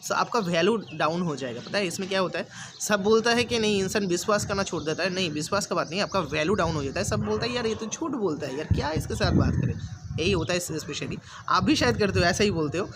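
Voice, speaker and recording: A man's voice: high-pitched, quick pace. A man hosting a channel, talking casually and earnestly to his viewers about personality and self-confidence, often repeating his points and slipping in English phrases. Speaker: YouTube channel host. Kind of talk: casual self-help talk to camera. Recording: noisy background.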